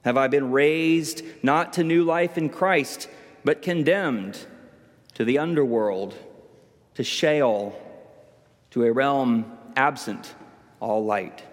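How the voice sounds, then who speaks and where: A man's voice: mid-range voice, takes it slowly, pauses often, lightly acted. A man preaching voices the apostle Paul as a bewildered man asking anxious questions, with a long hall reverb. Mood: fearful. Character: bewildered apostle newly awoken in darkness.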